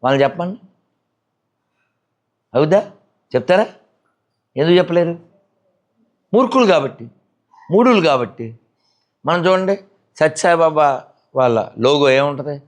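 A man's voice: fairly high pitch, animated, normal speed, pauses often. A man giving a spiritual discourse, scolding his listeners with a stream of rhetorical questions. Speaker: spiritual speaker. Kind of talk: religious discourse.

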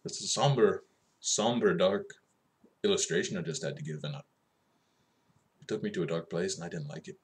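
A man hosting a mock-serious comedy vlog as a fake doctor, solemn one moment and shouting the next. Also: sits low, normal speed, long pauses. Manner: mock-serious, swings from solemn murmur to loud outbursts. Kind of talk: deadpan comedic monologue.

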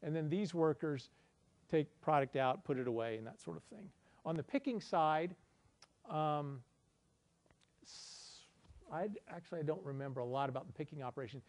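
A middle-aged conference presenter, standing at the projector screen in an indoor room, explains a slide with self-deprecating, conversational ease during a lecture that includes audience Q&A. His fairly high voice is lively and moderately paced, with long pauses and no echo.

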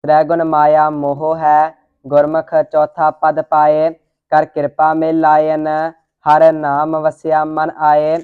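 A student recites scripture one line at a time in an unchanging monotone, very slow and even. The voice is smooth and clear, though the recording is dry and tinny, like a phone line. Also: medium pitch, no room sound. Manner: steady monotone reading, line by line.

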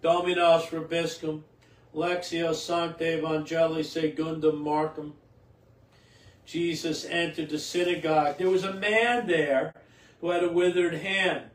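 An older man, a priest, reads scripture in steady liturgical cadence and then preaches a homily at Mass, restarting phrases as he goes. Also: fairly high pitch. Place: small indoor home chapel. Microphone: camera a few feet away. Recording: roomy echo, distant from the mic.

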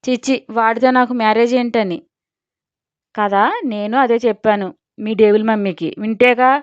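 A man's voice: high-pitched, fairly even intonation, moderate pace, clean tone, no echo, lightly acted. A woman voicing a vain, blustering middle-aged rich father who grumbles and scolds, in a Telugu audio story. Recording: dull lo-fi audio.

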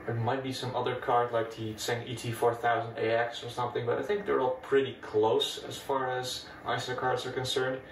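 A man with a Dutch accent, Dutch by birth, explains an old computer step by step at a moderate pace, with a medium pitch and few pauses. Laid-back and talkative, he's a retro computing video host in a room full of old machines. A faint hiss or hum accompanies the echoey, distantly miked audio.

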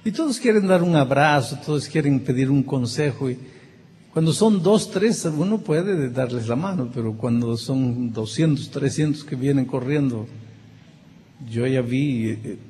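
A middle-aged male pastor preaching a sermon with emotive storytelling and dramatic pauses. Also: medium pitch, animated, darkish tone, slight background noise. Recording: long reverb in a big hall, faint ambience.

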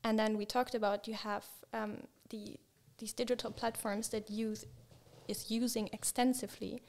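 Young woman with a gravelly, even voice. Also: a little high, normal speed. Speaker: guest. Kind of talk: conversational interview answers. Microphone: podcast mic on stand, headphones.

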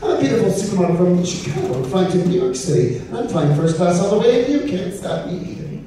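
A man's voice: sits high, sing-song, quick pace, mellow, voice pushed up. A man voicing a haughty, indignant blonde supermodel woman in an exaggerated entitled manner for a stage joke. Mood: outraged. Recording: echoey theater PA, distant, noisy.

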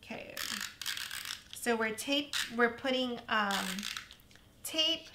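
A woman hosting a casual crafting tutorial, chatty and self-deprecating, with a slightly hoarse voice. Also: fairly high pitch, expressive, slow pace, noisy background. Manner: chatty, self-deprecating, laughs at her own mistakes. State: slightly hoarse, losing her voice.

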